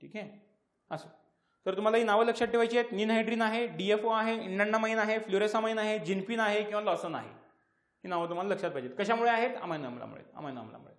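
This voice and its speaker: A high-pitched male teacher with a Marathi accent, drilling students through an exam-prep lesson. He poses questions and answers them himself, and he hammers home terms by repeating them. His voice rings in an echoey room. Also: quick pace.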